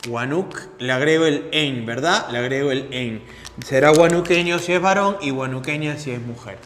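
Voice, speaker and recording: A man's voice: mid-range voice, moderate pace, a bit bright, slight background noise. A man teaching a lecture-style class, repeating key phrases and checking in with his listeners. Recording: echoey room with long reverb.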